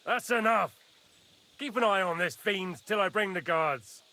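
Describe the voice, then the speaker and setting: A man playing an arrogant, hot-tempered nobleman knight in a game cutscene who shouts accusations and insults. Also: high voice, unhurried, heavily acted. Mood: furious. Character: arrogant angry nobleman knight, middle-aged.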